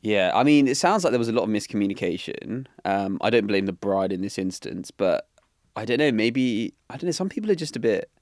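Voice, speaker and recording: Quiet guy on a podcast, super low voice, dry close mic. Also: expressive, brisk, dry recording. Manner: soft-spoken and easygoing, quiet next to his co-host. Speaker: podcast co-host. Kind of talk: casual podcast chat.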